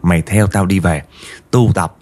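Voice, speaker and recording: A man's voice: sits low, fairly even intonation, normal speed, darkish tone, natural voice. A man voicing a stern, threatening older exorcist who barks orders at a spirit. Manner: harsh, scolding, blunt orders.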